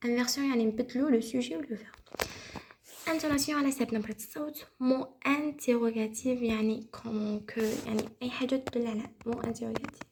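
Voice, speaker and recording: A woman's voice: on the high side, steady tone, racing, a little mellow, a little hiss or hum. A young woman with an Algerian Arabic accent giving a casual exam review lesson, explaining patiently and repeating key terms. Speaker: teacher reviewing French for exams.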